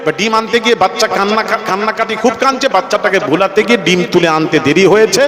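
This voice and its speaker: High-voiced preacher over an echoing crowd. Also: male voice, fast talker. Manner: animated storytelling, acting out quotes; addresses listeners fondly as "baba". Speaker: Islamic preacher. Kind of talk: Bengali waz sermon. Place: large open-air religious gathering. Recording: echoey PA sound with crowd. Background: large crowd.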